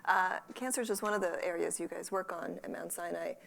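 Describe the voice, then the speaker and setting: Woman panel moderator, gravelly, echoing and distant over faint background noise. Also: on the low side, fairly even intonation, brisk, a bit bright. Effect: echoing, distant-sounding voice.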